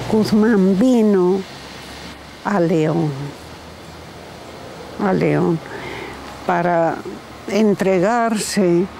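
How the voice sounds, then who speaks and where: A woman with an accent from Spain recollects events spontaneously in a halting, tentative way. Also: fairly low pitch, vocal fry, dark tone, slight background noise, rough recording.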